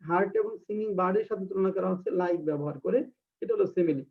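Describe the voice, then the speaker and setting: A man giving an online exam-prep lecture, hesitating often and slowly dictating and repeating definitions. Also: high voice, gravelly. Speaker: English literature teacher. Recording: distant, tinny phone-like sound.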